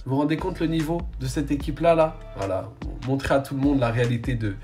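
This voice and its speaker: A man's voice: mid-range voice, fast, a little mellow, faint music behind. A man giving an accusatory exposé monologue, insistently pointing things out to viewers. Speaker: influencer.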